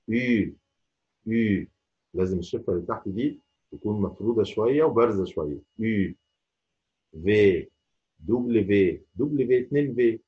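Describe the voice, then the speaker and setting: A man with an Egyptian Arabic accent teaching a French lesson, saying each letter slowly and repeating it. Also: fairly low pitch, husky, muffled recording. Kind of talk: spoken language lesson.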